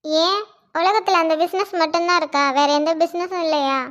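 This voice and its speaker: A woman voicing a young best friend in a cartoon, chatty and quick with retorts. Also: very high voice, a bit bright. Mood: retorting. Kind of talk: Tamil cartoon voice acting. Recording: dull lo-fi audio.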